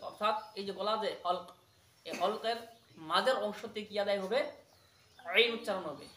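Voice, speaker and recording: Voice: medium pitch, sharp tone. A patient Quran recitation teacher giving a pronunciation lesson to a child, repeating each sound and having it echoed back. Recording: echoey room.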